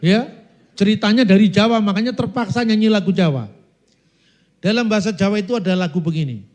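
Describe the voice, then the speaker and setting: Man, high voice, preacher, church sermon, storytelling, addresses his listeners directly. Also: fairly quick, a little mellow. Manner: storytelling, addresses the audience as brothers and sisters; breaks into sung demonstrations. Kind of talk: church teaching talk.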